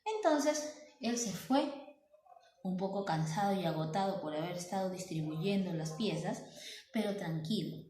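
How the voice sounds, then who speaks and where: A woman telling a story to children, animated and often asking the listener questions. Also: mid-range voice, unhurried, slight background noise. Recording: roomy echo.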